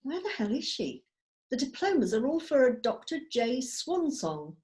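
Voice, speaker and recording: At a table read, a lively woman with a slightly high voice reads the stage directions as scripted narration. She speaks at a normal speed over a video call microphone.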